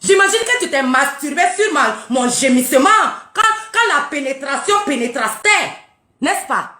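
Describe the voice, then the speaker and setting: A woman's voice: high voice, animated, moderate pace, bright, forceful tone. Taunting woman. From Burkina Faso. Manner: mocking, taunting, boastful, laughing. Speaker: live social media streamer. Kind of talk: live-stream rant. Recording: roomy echo.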